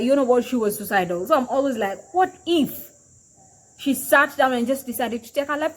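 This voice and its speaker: High-voiced emphatic woman commentator. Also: a bit bright, rough recording. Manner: emphatic, repetitive, with frequent fillers. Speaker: commentary vlogger. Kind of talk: opinionated commentary.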